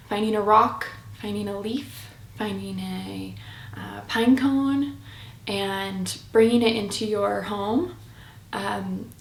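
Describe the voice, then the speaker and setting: Lady teaching preschoolers, slow n singsong, simple encouraging phrases, echoey room w faint noise. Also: medium pitch, gravelly. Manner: singsong, addressing young children. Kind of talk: children's lesson presented to camera. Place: indoor room with a window. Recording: roomy, distant mic, faint noise.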